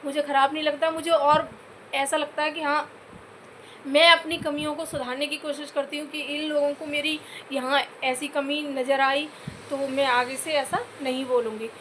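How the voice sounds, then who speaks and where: Woman vlogger, high pitched, scolding, pleading, faint background ambience. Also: flat delivery, moderate pace, a bit bright, a little hiss or hum. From Uttar Pradesh, India. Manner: scolding, repeatedly addressing listeners as "bhai"; earnest, pleading for comments. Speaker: YouTube vlogger. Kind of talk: direct-to-camera commentary rant.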